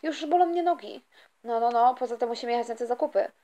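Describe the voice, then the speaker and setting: A woman's voice: a little high, quick pace, dark tone. A woman voicing the parents in a toy story, fussing with worried exclamations.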